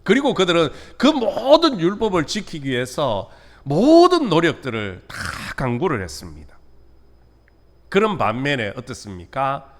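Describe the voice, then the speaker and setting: A man preaching a midweek sermon as pastor, lifting his voice on key words and letting sentence endings fall away softly. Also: on the high side, wildly swooping pitch, moderate pace. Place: church sanctuary.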